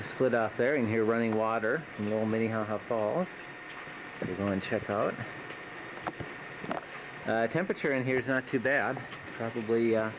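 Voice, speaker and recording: A man giving casual, halting commentary on an exploration video, recorded with a cave echo in an underground tunnel. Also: fairly low pitch. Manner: halting, trailing off mid-sentence. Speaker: expedition narrator filming the trip. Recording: echoey underground tunnel, clear background noise.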